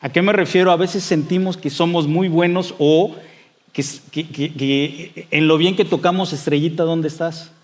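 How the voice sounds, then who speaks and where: A man preaching a sermon in a conversational way, with frequent fillers and restarts, and acting out quoted voices with rising excitement. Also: fairly high pitch, normal speed. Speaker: pastor.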